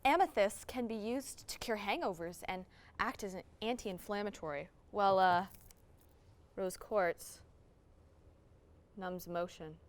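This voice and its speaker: A woman's voice: mid-range voice, measured pace, long pauses, lightly acted. A young woman playing an eccentric, theatrical co-host of an occult comedy talk show. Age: young adult. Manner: theatrical, odd. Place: TV studio set.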